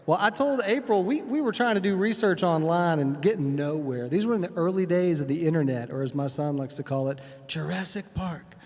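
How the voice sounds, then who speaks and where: Brief: man, storyteller on stage, a bit higher voice, long reverberant sanctuary sound. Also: a little fast, hardly any pauses. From Texas. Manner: animated, acts out voices in anecdotes. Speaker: guest musician. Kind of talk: conversational storytelling. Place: synagogue sanctuary.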